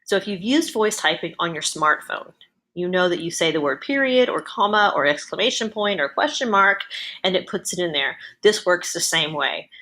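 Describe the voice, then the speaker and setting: Lower-pitched woman teaching a tutorial. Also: animated, moderate pace, pushed and bright. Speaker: educator giving a software tutorial. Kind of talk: explanatory screencast narration.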